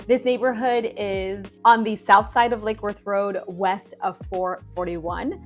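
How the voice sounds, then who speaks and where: Chatty woman real estate vlogger. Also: mid-range voice. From Florida. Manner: chatty, informal asides. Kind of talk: casual real estate walkthrough.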